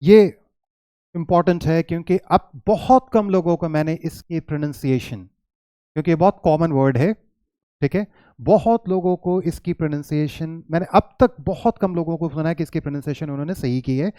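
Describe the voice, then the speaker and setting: An Indian man gives an English pronunciation lesson, patiently saying each word again slowly for his students. His voice sits fairly high but sounds mellow and soft. The recording is dry and close, with no room echo. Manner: patient, repeats words slowly to model pronunciation; mixes Hindi with English words and phrases. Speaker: English teacher. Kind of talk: classroom lesson explanation.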